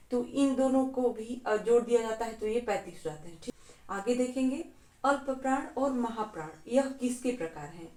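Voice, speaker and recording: A woman's voice: fairly high pitch, a little mellow. Patient woman teacher, echoey room. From Bihar, India. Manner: patient, step by step, often says "theek hai". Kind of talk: exam-prep lesson.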